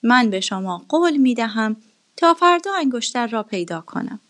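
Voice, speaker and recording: A woman voicing a wise, patient royal vizier in a storybook reading, calm and measured. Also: a little high.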